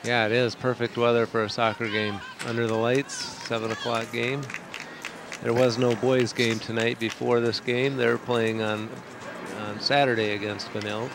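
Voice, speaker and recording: Middle-aged guy with a creaky voice, casual soccer commentary, chatty, noisy outdoor field sound. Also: mid-range voice, little pitch movement, normal speed. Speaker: soccer announcer. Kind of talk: casual live sports commentary. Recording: outdoor recording with crowd and noise.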